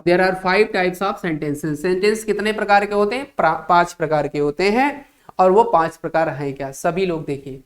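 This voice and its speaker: A woman with an Indian accent teaching an English grammar lesson in Hindi. She keeps putting quick questions to her students and repeating the answers. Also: medium pitch. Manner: mixes Hindi explanation with English terms. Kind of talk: online coaching class lecture.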